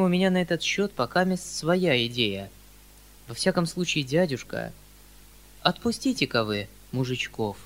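A man voicing an earnest, polite young nobleman speaking in a measured way. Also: a little high, fairly bright tone.

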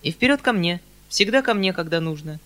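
A male reader plays a kindly older landowner uncle, fussing and hurrying over his words. The voice is raised, loud and bright. The manner is excitable and slightly pleading. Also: high-pitched, pitched above the performer's own voice. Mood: flustered eager. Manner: fussy, hurried, excitable.

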